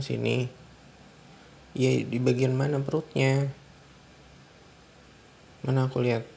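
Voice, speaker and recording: A man's voice: medium pitch, creaky, darkish tone, a little hiss or hum. A young man acting out a stern, controlling husband in an ASMR role-play, talking in a lecturing, repetitive way. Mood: worried.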